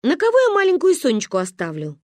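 A woman's voice: high-pitched, wildly swooping pitch, fast talker, a little mellow, no echo, studio quality, pitched above the performer's own voice. A woman voicing an anxious young mother who pleads and objects. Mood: worried. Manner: worried, pleading.

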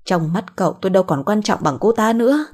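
Lady doing a sulky bitter mom, cold, kinda husky. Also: medium pitch, lively intonation, fast talker, darkish tone, natural voice. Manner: cold, reproachful. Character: bitter middle-aged mother, sulking, self-pitying.

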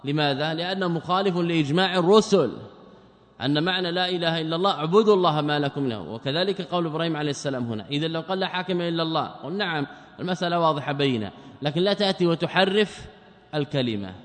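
A man's voice: on the high side, animated, very fast, big-room sound. A male religious teacher giving a lecture on a theology text, explaining by asking his own questions and answering them.

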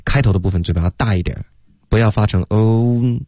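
A man coaching English pronunciation, patiently correcting sounds and repeating them slowly to model them, with English words mixed into his explanations. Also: on the low side, warm tone, no room sound.

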